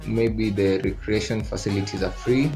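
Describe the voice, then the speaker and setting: A young man from Kenya explaining things in a casual chat, measured and a little hesitant. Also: on the low side, steady tone, darkish tone, soft background music. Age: young adult. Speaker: guest.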